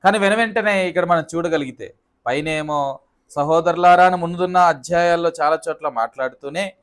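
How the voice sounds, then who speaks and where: Telangana telugu accent, middle aged guy preaching, goes from loud pleading to low asides, keeps checking in with the crowd, voice sits a bit high. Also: fairly quick. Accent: Telugu, with Telangana words. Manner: swings between loud exhortation and low asides to the congregation; often asks the audience "ఏమండి?". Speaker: pastor. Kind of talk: sermon.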